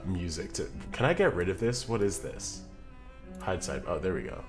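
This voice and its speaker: A man streaming live, chatting casually and rambling as he reads out and answers viewer messages. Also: deep voice. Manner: rambling, chatty, reacts to chat and laughs often; reads chat messages aloud and answers them.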